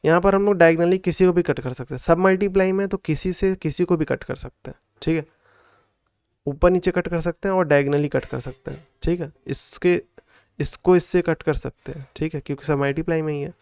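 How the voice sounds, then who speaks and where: A man's voice: fairly high pitch, a little fast, darkish tone, clean tone, dry recording, studio quality. A man tutoring school maths, working through textbook problems step by step, counting out factors aloud and checking in after each step. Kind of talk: solving textbook exercises step by step.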